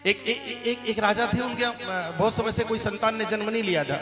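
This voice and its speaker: A high-voiced man narrates a devotional story in a playful, joking way and breaks into sung verses. He is recorded in an echoey room with instruments behind him. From India. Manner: playful, joking, acts out characters. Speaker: religious storyteller. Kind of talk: devotional story sermon with singing.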